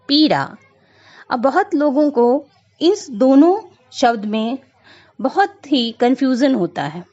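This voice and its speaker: A woman's voice: fairly high pitch, darkish tone. A woman teaching Hindi grammar, explaining patiently and repeating points with small hesitant fillers. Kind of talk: slow explanatory lesson. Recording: dull lo-fi recording.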